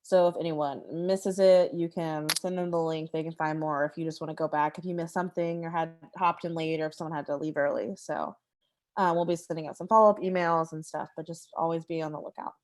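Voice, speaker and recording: A woman hosting a community meeting over a video call, relaxed and chatty, laughing easily. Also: sits low, a little fast. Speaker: meeting host. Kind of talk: casual chat.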